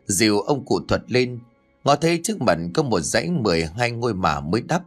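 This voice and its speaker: Animated low-voiced male horror storyteller. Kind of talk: scripted horror story narration. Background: faint music.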